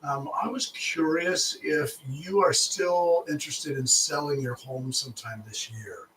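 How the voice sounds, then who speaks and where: A man's voice: a little high, a little slow, a bit bright, recorded from a distance, slight background noise. A man, a real estate agent chatting casually and making live calls, restarting his phrases and laughing easily. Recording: echoey room, voice off-mic.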